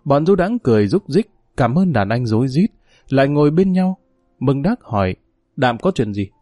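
A man's voice: medium pitch, big pitch swings, normal speed, mellow, dry recording, studio quality, faint music behind. A man reading a story aloud as the narrator, telling it dramatically. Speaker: audiobook narrator. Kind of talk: scripted narration.

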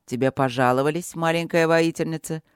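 A woman reading an audiobook, voicing a calm older-sounding man, a wise dragon swordmaster who speaks in an unhurried, gently stern way. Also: sits low, smooth, no room sound, clean studio sound, close to an everyday voice. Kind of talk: audiobook character voice.

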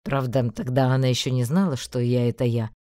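Woman playing a low gruff young lord, clipped sardonic lines, dry close sound, storybook voice. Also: steady tone, fast, warm tone, dry recording. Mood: dry teasing. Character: brusque young nobleman, dry and curt.

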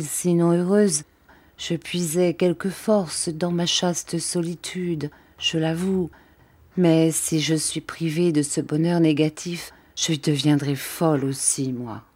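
A woman's voice: deep voice, darkish tone. A woman reading the part of a tormented, devout young countess in an audiobook, pleading and questioning.

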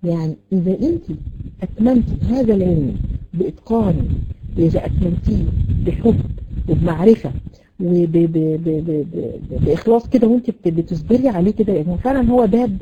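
Egyptian woman tajweed teacher, quick, many fillers, dull noisy recording. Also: fairly low pitch, warm tone. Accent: Egyptian Arabic. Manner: explains with many fillers and repeated questions to students. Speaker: Quran recitation teacher. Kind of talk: tajweed lesson to students.

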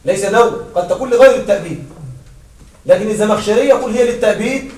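A man's voice: high-pitched, fast talker, darkish tone. A man teaching an Arabic grammar lesson to a class, often stopping to check that his students follow. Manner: checks understanding with frequent questions to students. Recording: echoey room from far off.

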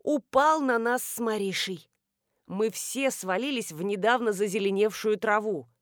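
A woman narrating an audiobook with lively, even storytelling. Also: mid-range voice, normal speed, dry recording, clean studio sound. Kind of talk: scripted narration.

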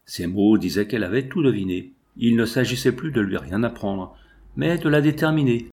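A man's voice: mid-range voice, animated, a little mellow. Man reading a classic novel aloud. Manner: measured literary reading. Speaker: audiobook reader. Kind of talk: scripted narration of a classic novel.

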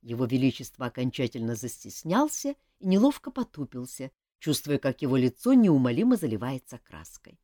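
Low-voiced woman narrating a fantasy audiobook. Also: very animated, brisk, few pauses, warm tone, no echo, studio quality.

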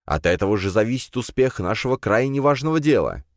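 A man's voice: mid-range voice, big pitch swings, brisk, dry recording, studio quality, voice pushed up. A man voicing a pushy young male student who keeps begging his friend in an audiobook. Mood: insistent. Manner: whiny, insistent begging.

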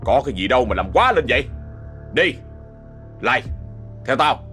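A man's voice: mid-range voice, sing-song, normal speed, sharp tone, soft background music. A man voicing a grumpy, bossy rich landowner who scolds and snaps. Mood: snapping. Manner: snapping, scolding.

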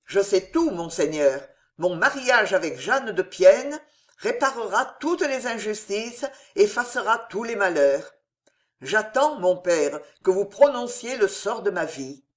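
A reader voicing a calm, resolute young nobleman in an audiobook, speaking firmly and solemnly. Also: sits high. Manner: firm, solemn, measured. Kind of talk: audiobook character reading.

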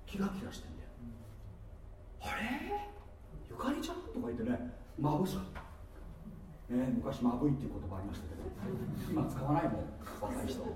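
Animated man preaching in an echoey hall. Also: mid-range voice, fast. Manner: playful, animated preaching with asides and laughter. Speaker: pastor. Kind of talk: sermon. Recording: echoey hall from far off with faint noise.

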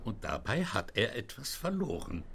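Lestrade, a gravelly police inspector. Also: male voice, mid-range voice, wildly swooping pitch, normal speed, fairly bright tone, a little hiss or hum. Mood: matter-of-fact. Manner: blunt, gruff, matter-of-fact. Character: gruff, confident male police inspector, blunt and brisk. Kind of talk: radio drama dialogue.

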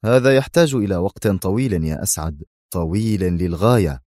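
A man's voice: low voice, a little fast, warm tone, no room sound, clean studio sound. A man voicing a stern male intelligence commander who speaks in a firm, clipped, commanding way.

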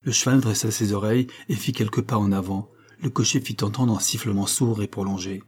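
A man reading a French novel aloud as audiobook narration, measured and even. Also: on the low side, slightly rough. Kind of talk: scripted narration.

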